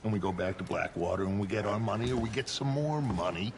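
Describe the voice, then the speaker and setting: An actor playing a persuasive middle-aged outlaw gang leader in a video game, speaking in a measured, reassuring, rhetorical way. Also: male voice, on the low side, slight background noise, natural voice. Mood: assured, persuasive. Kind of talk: video game dramatic acting.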